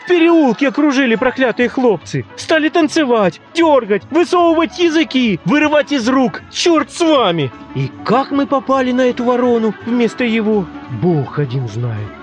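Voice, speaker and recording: A man voicing frightened village constables who plead and protest in a frantic, high-pitched voice. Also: very animated, normal speed, few pauses, muffled recording, soft background music. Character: panicky village constables, men.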